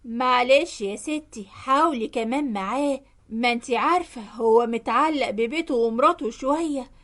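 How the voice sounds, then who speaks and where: A woman voicing a sly, scheming young male driver, calm and persuasive with an Egyptian Arabic accent. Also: fairly high pitch, normal speed, lightly acted.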